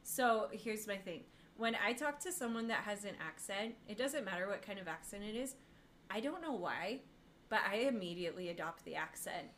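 A young woman co-hosting a podcast in easy, casual conversation. Her pitch is average, and her delivery is wry and deadpan. A faint hiss sits behind the recording. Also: normal speed. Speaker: podcast co-host. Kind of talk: casual chat.

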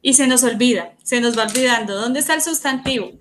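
A woman's voice: a little high, a little fast, over a noisy crowd. A woman interviewing a teacher, talking in a reflective, conversational way and asking follow-up questions.

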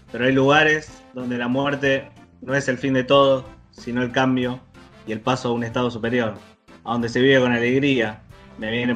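A man narrating a documentary in a calm, measured way. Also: medium pitch. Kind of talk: scripted narration.

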